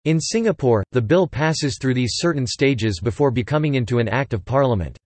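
A synthetic male voice reading an encyclopedia article in a steady, even manner. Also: medium pitch, fairly quick, no room sound. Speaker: text-to-speech reader.

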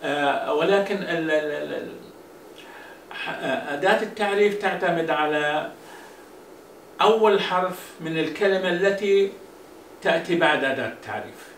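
A male teacher with a fairly high voice repeats each English phrase slowly and carefully. He then switches to quicker explanations full of hesitant fillers. The recording sounds roomy, and he is heard from some distance over a faint background hum. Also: a bit bright. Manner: hesitant, with drawn-out fillers and restarts. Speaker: language teacher. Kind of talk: bilingual grammar lesson.

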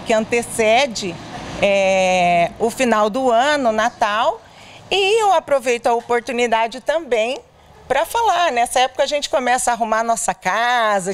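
A woman's voice: a little high, a little hiss or hum. A middle-aged woman volunteer interviewed at a charity bazaar, explaining earnestly with frequent hesitations into a handheld mic. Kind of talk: on-camera interview. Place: indoors at a clothing bazaar. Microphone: handheld reporter mic.

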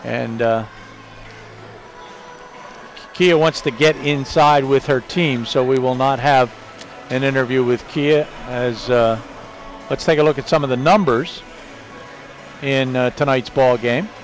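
A man hosting a postgame basketball broadcast, reading off final numbers in a brisk stat-reading delivery. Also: mid-range voice, soft background music. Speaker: play-by-play broadcaster. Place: basketball arena broadcast booth.

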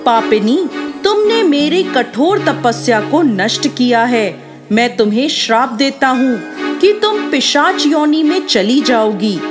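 A woman storyteller puts on a stern, devout male sage from a devotional tale. His words come slowly and solemnly, with a lively rise and fall. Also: high-pitched, music in the background. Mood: angry.

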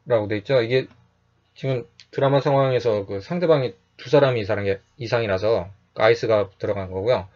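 A man teaching English phrases in a calm, explanatory lecture, repeating each phrase slowly and often adding a short "yes". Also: mid-range voice, muffled recording.

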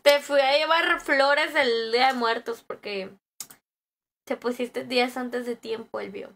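Bright high-voiced woman streamer. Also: unhurried. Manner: joking, reads chat aloud and greets viewers. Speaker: game streamer. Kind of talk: casual live-stream chat.

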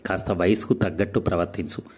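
A stern middle-aged mother in an audio story, scolding in a sharp tone, as a male narrator puts her on. The voice stays low and firm, close to the reader's own. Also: steady tone, fast, husky.

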